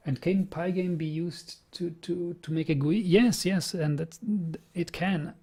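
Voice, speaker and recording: A young Czech streamer with a Czech accent talks casually while programming, repeating words as he thinks things through. For a man, his voice is high, steady, and measured, mellow with a breathy edge.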